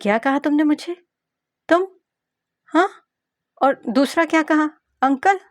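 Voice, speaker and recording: A woman's voice: mid-range voice, fairly quick, dry recording, clean studio sound, lightly acted. A woman voicing an exasperated twenty-year-old man, indignant and flustered.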